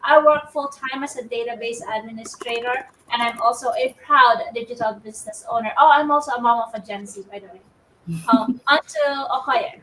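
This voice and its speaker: High-voiced woman from the Philippines, echoey. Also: a little fast, sharp tone, recorded from a distance, slight background noise. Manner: upbeat, rambling, frequent restarts. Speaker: live show co-host. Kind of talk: casual live-stream talk. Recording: roomy audio from away from the mic.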